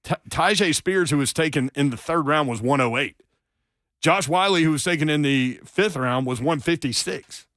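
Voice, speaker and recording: A man's voice: fairly high pitch, moderate pace, a bit bright, no room sound, clean studio sound. A man hosting a sports talk radio show, chatting and running through upcoming segments.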